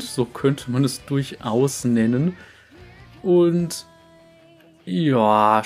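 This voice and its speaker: A man's voice: medium pitch, darkish tone. A male channel host who reads a story aloud and then comments on it in a chatty, amused way. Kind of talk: story narration and casual commentary.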